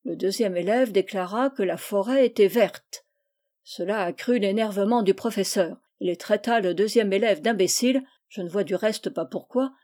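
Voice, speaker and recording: A woman reading a humorous novel aloud in a measured, wry storytelling manner. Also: mid-range voice, dark tone. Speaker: audiobook reader.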